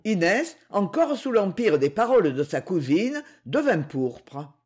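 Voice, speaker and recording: Lively expressive audiobook narrator reading a novel, voice swings a lot. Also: male voice, sits high, unhurried. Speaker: audiobook reader.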